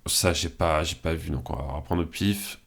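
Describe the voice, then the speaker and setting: Low-voiced man musing, full of fillers. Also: normal speed, creaky. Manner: hesitant, thinking aloud with many fillers; relaxed and candid. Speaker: channel host. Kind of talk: casual commentary while picking films.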